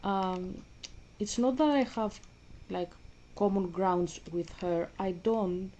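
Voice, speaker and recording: A woman's warm, medium-pitched voice takes its time on dull-sounding audio. She's a Greek vlogger with a Greek accent, chatting casually through a game, wandering off topic and restarting what she says.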